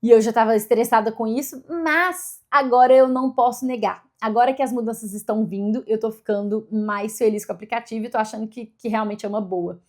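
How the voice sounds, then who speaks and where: A woman's voice: fairly high pitch, steady tone, fairly quick, few pauses. A woman, chatting casually to camera in a vlog and often correcting herself mid-sentence. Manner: chatty, self-correcting, upbeat. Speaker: vlogger.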